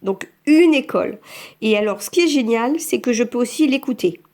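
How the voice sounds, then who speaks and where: With a fairly high, darkish voice and lively intonation, a woman patiently guides French learners through using a phone app. She takes it slowly, screen by screen, voicing each tap as she goes.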